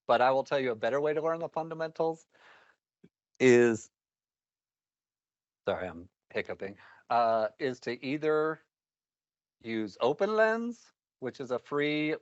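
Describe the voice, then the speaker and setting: A man's voice: mid-range voice, dry recording. A man presenting a technical talk to a live meetup audience, wry and rambling, with candid asides. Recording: dull, muffled meetup recording.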